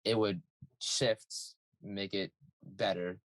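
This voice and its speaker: A man's voice: low voice, fairly even intonation, takes it slowly, fairly bright tone, dry recording. A man chatting on a podcast, hesitant and full of fillers. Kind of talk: casual chat.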